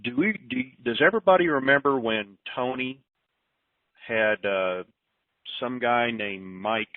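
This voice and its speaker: Speaking at a measured pace in a medium-pitched voice, a man runs an informal group call by telephone. He's folksy and disorganized, wandering through announcements and thinking aloud, on a roomy, tinny conference line.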